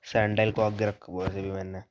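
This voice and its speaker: A man's voice: fairly low pitch, flat delivery, fairly quick, background noise. A young man doing casual let's-play commentary, chatty, teasing the characters and reading their lines aloud. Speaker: gaming YouTuber.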